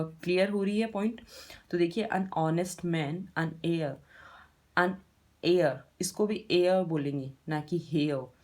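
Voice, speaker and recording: Indian woman, lowish voice, patient teacher, explains step by step, asks rhetorical questions. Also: darkish tone. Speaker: English grammar teacher. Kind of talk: classroom-style grammar lesson.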